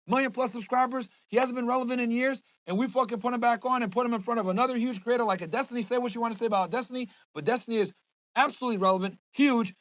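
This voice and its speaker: A young man hosting a podcast, venting to his audience in a heated, profanity-heavy rant. His voice sits very high and he rattles the words out quickly. The sound is dry and close, with little room around it. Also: fairly bright tone, dry recording, poor audio. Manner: heated, profane, repeats himself. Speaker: podcast host. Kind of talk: casual rant to viewers.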